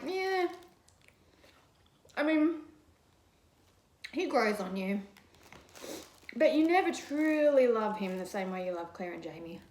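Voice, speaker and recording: Eating on camera in a living room, a woman in her thirties who makes mukbang videos chats casually and enthusiastically, talking through mouthfuls. Her voice is a little high and a little mellow. It's picked up by a camera across the coffee table, with a roomy echo.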